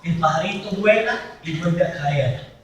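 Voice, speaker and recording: High-voiced male priest preaching in echoey hall. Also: recorded from a distance, a little hiss or hum. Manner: emphatic preaching, slows and swells on key words. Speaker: priest leading a healing retreat. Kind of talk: sermon.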